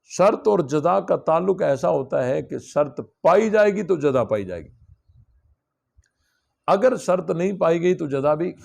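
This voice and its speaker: A man teaches a religious class on scripture, working through a text step by step and asking his students questions. His voice is a little high, expressive and creaky, with a slightly mellow quality.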